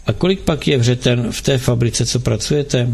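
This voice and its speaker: A man's voice: mid-range voice, vocal fry, a little mellow, husky. A man voicing a country doctor who keeps up easy, reassuring small talk with a patient. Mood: soothing. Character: calm, chatty country doctor.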